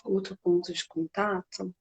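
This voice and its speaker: Slow, breathy Brazilian woman guiding meditation. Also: mid-range voice, flat delivery. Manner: gentle, unhurried, with long pauses. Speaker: meditation guide. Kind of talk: guided meditation.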